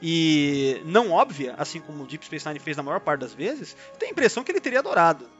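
A Brazilian man co-hosts a podcast, chatting casually as a fan in a slightly high, fairly bright, sing-song voice at a brisk pace. He keeps checking for agreement with tag questions. The audio is dull and lo-fi, with background music underneath.

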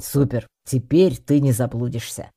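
Man reading as a worldly tomcat, slow-drawling, dark husky voice, audiobook. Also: medium pitch, no room sound, clean studio sound. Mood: patient. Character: streetwise male tomcat, calm and patient guide.

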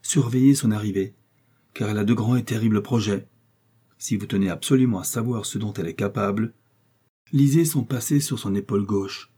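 A man reading the lines of a gentle, scholarly musketeer who speaks softly, slowly and carefully. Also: mid-range voice, breathy edge, lightly acted. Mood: measured. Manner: soft, slow and measured.

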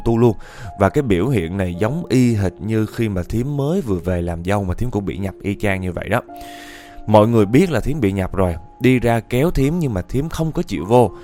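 A man tells a ghost story in a chatty, conversational way. He keeps speaking straight to his listeners as he reads the tale aloud, with soft music playing faintly behind him. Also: fairly low pitch. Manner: chatty storytelling, often addressing the listeners directly.

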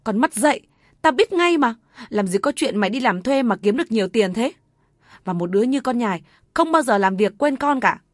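A woman voicing a furious older village aunt who scolds in shrill outbursts. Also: animated, fairly quick, no echo, studio quality.

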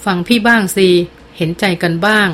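An exasperated older woman, voiced by a female reader scolds and reproaches in a weary tone. Her pitch is moderate and unforced. It plays as an audiobook character. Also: fairly quick, fairly bright tone, lightly acted.

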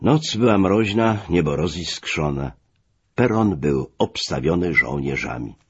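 A man reading a story aloud as narrator, with measured, expressive storytelling, in a muffled recording. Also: low-pitched, husky. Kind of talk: audiobook narration.

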